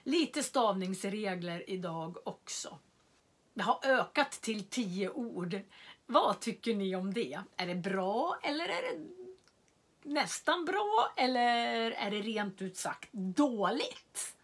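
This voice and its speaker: A woman giving a slow, clearly spoken language lesson, repeating and spelling out words for learners. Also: medium pitch, sing-song. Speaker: Swedish language teacher.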